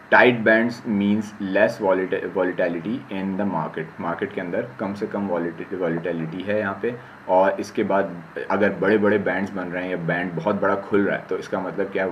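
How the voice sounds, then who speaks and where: A man teaching trading on a screen-share tutorial, explaining step by step with many fillers and frequent check-ins, slowing down to read English terms off the screen. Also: low-pitched, dull audio, slight background noise. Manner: slows sharply when reading English terms from the screen.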